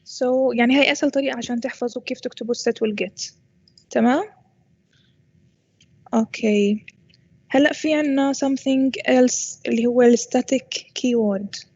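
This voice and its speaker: A woman's voice: a little high, very fast, pauses often, darkish tone, husky, lo-fi sound. A woman with an Arabic accent, a native Arabic speaker, explaining as a teacher to a class, switching between English and Arabic and often checking understanding. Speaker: university programming lecturer.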